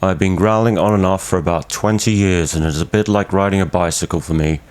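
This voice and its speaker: A man narrating a scripted vocal tutorial in a formal, measured, explanatory way. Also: deep voice, steady tone, a little mellow, clear, resonant tone. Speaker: growling tutorial instructor.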